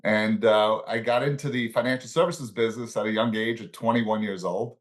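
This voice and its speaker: A man in his sixties, born in Italy and raised in the Bronx, relaxed as he tells stories from his life as an interview guest. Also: on the low side, brisk. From born in Italy, raised in the Bronx, New York. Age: 60s. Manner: relaxed storyteller, chuckles between anecdotes. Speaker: guest, financial services professional and coach. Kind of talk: casual interview storytelling.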